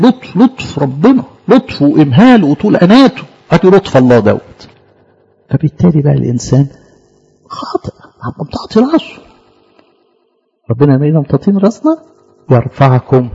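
A man with an Egyptian Arabic accent delivers a sermon in a lively, repetitive style, acting out bits of dialogue. His voice sits fairly high yet sounds husky and mellow. The recording is muffled and lo-fi. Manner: animated, acts out dialogue, repeats phrases. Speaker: preacher.

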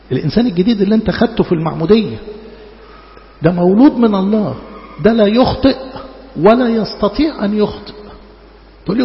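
A man with a high voice, vocal fry and an Egyptian Arabic accent preaches colloquially and conversationally in a large reverberant hall. He asks rhetorical questions and repeats words for emphasis, and the recording is muffled, with long echoing reverb.

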